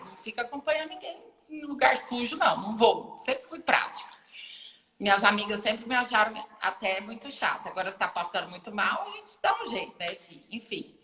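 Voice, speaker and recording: A woman lawyer shares a story casually on a live video chat, sounding bright and sharp. She acts out the voices of the people in her story with leaps in pitch. Her voice carries a roomy echo with a long reverb tail. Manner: animated, acts out other people's lines with big pitch leaps. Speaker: lawyer and university lecturer, guest. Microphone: phone or laptop live stream. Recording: echoey room with long reverb.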